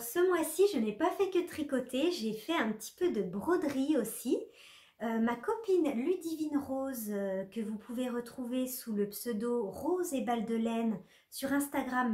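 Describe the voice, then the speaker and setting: A woman's voice: a little high, dark tone, reverberant. A young woman talking casually about her knitting projects, chatty and full of little fillers and restarts. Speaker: knitting podcaster. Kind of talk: casual knitting vlog chat.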